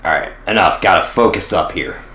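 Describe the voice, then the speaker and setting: A man's voice: deep voice, fairly quick, bright, forceful tone, reverberant. A young man casually commentating his gameplay on stream, rambling and self-deprecating. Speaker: gaming streamer.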